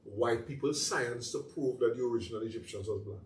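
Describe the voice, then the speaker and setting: A Trinidadian-accented man appears as a talk show guest, telling stories animatedly in Creole phrasing during casual chat. His voice is mid-range and brisk. The mic is at a distance in an echoey room, with faint noise.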